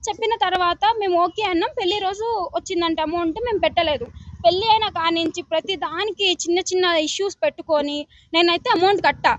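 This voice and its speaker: Young woman, high pitch, pleading news testimony. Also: dry recording, muffled recording. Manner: urgent, pleading, repeatedly addressing the listener as sir. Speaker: complainant interviewed by news reporter. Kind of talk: emotional testimony to a reporter.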